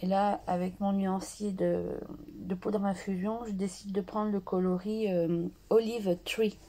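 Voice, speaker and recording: A woman hosting a craft tutorial, slowly talking through her art journal steps with many pauses and restarts. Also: mid-range voice, little pitch movement, dark tone. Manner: slow and hesitant, many fillers and restarts.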